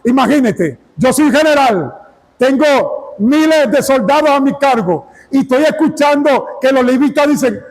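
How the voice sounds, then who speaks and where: A man preaching a fiery sermon as pastor. He acts out quotes from people and breaks into shouted climaxes, at times speaking in tongues. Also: extremely high pitch, expressive, measured pace, big-room sound, poor audio.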